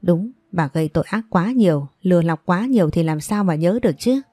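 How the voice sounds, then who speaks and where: A woman narrator voicing a frantic, hot-tempered young woman who turns sharp in anger. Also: lowish voice, lively intonation, brisk, no room sound, clean studio sound. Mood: furious.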